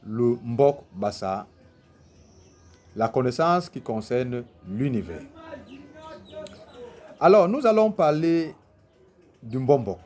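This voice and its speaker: A man's voice: mid-range voice, a little mellow. A man explaining a traditional concept, asking himself questions and answering them as he teaches. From Cameroon. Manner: deliberate, poses rhetorical questions and answers them.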